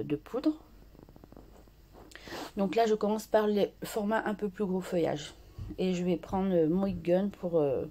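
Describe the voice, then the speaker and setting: Woman doing a craft tutorial voiceover, slow and hesitant, mellow low voice. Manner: slow and hesitant, many fillers and restarts. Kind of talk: talking through an art journal tutorial.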